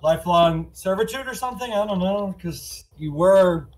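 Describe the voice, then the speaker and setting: Man playing a blunt, animated, higher-voiced manor boss. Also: normal speed. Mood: firm, halting.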